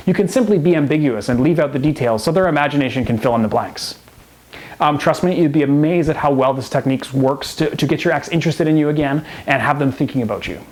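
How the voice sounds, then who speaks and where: In a scripted video to camera, a man acting as relationship coach and host gives the viewer direct, instructive advice. His voice is fairly high with a darkish tone.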